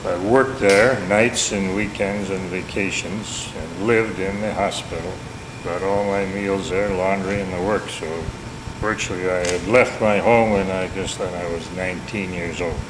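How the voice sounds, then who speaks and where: A low-pitched man with fairly even intonation takes his time. He's in his seventies, hails from Minneapolis, and speaks with an Upper Midwestern accent, offering folksy, wry, self-deprecating family memories as an informal oral history on an echoey home tape with noise and hum.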